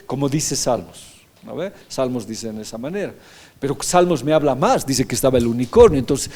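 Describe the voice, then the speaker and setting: A man's voice: fairly high pitch, a little mellow. A man preaching a sermon as pastor, reading scripture aloud and often asking the congregation rhetorical questions. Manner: reads scripture verses aloud.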